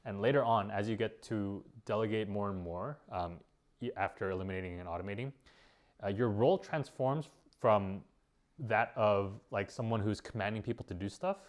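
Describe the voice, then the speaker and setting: A man's voice: fairly low pitch, normal speed. Man rambling through business advice. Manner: rambling, many fillers and restarts. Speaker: business owner sharing advice. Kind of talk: casual vlog advice.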